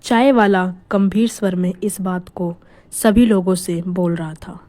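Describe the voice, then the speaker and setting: A woman narrates a spooky village tale with a dark, mellow voice. She often sinks into near-whispers to build suspense. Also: lowish voice, unhurried, no echo. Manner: hushed, suspenseful storytelling. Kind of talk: scripted horror story narration.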